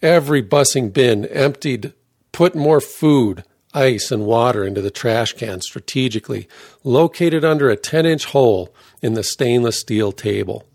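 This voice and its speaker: A man narrating his own first-person memoir in a measured, deliberate reading voice. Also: medium pitch, a little mellow, dry recording, studio quality.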